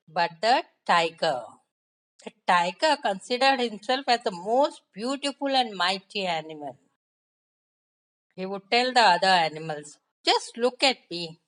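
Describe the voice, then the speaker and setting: A woman with an Indian accent tells a story to young children, phrasing things deliberately and asking her listeners questions. Her voice is a little high and a bit bright, and the recording is rough.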